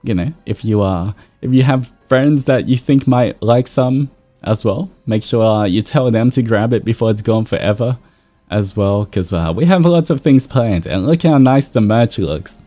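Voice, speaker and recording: Background music plays as this VTuber host casually chats with viewers on his livestream, drifting from topic to topic in a relaxed way. He has a medium-pitched, warm voice and speaks at a moderate pace.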